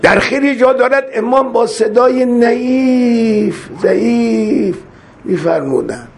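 A man's voice: very high voice, steady tone, a little hiss or hum. A man preaching a religious sermon, reciting Arabic verses and explaining them with impassioned, emotional delivery. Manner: impassioned, voice rising and breaking with emotion.

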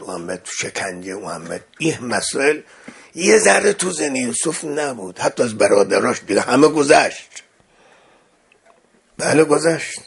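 A man preaching a religious sermon, telling a story and acting out the dialogue with sudden swings from loud to hushed. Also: medium pitch. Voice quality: gravelly and husky. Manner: dramatic swings of loudness, acts out quoted dialogue.

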